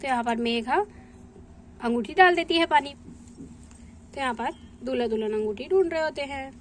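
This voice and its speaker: A woman's voice: high voice, normal speed, a little hiss or hum. A woman narrating a doll story in a plain, explanatory way. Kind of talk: scripted narration.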